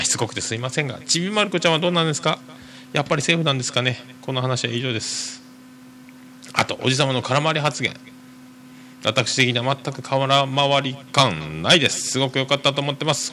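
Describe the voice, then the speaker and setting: A man hosting a podcast, reading listener mail aloud and chatting casually in a rambling, hesitant way full of drawn-out fillers. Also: medium pitch, bright, forceful tone, a little hiss or hum. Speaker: podcast host.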